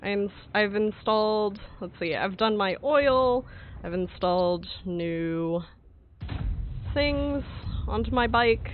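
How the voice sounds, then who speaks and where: A man talks slowly with a lively, rising and falling pitch, his voice muffled and thin as if heard through a wall. The call line is narrow and phone-like, with faint noise behind it. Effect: muffled, as if talking through a wall. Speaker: co-streamer. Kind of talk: casual chat over voice call.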